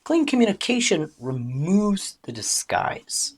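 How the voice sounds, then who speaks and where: Woman, relationship coach, unhurried, lively intonation, calm explaining. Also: on the low side, husky. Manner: calm, deliberate explaining with expressive emphasis. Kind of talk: measured educational talk.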